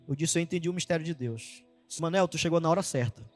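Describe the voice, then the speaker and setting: Male pastor, middle-aged, high voice, storytelling sermon, soft music behind. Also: fast. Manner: storytelling preacher, acts out dialogue with fervent exclamations. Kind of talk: sermon testimony.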